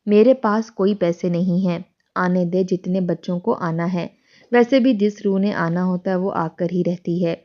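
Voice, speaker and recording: A woman's voice: lowish voice, dull audio, lightly acted. A woman doing a harsh, bossy husband. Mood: angry. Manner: rough, scolding commands. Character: harsh, domineering middle-aged husband, short-tempered.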